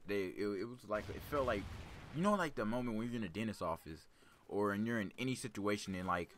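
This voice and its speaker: Laid-back young man, fairly low voice. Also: brisk, a little hiss or hum. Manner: laid-back, calm, serious delivery. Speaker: storyteller. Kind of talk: casual rambling personal storytelling.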